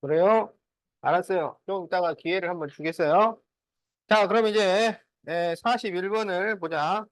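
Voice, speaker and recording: A man's voice: sits high, moderate pace, no echo. A man teaching a class math, working through problems step by step and often checking whether students follow. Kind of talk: classroom lesson.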